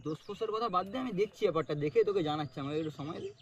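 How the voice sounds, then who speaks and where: A man plays a smooth-talking young man with a Bengali accent who rattles off reassurances at a very fast clip. He soothes and dismisses his friend's anger without ever owning up. His voice sits somewhat high. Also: animated, dull audio. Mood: evasive. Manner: soothing, dismissive, brushing off blame. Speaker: actor in a short film. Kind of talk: naturalistic short film acting.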